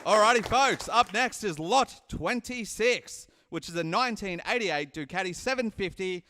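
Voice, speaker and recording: A man's voice: sits high, animated, normal speed, sharp tone. A man co-hosting a live auction, announcing each lot and its current bid in a reverberant hall. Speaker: auction co-host announcing lots. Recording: reverberant hall with crowd sound.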